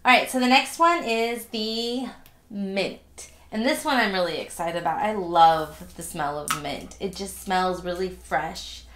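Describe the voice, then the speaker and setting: A young woman talks through a casual unboxing haul, chatty and upbeat. Her nose sounds stuffy from allergies, and her middle-pitched voice rings in an echoey room. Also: unhurried, fairly bright tone, a little hiss or hum. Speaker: vlogger.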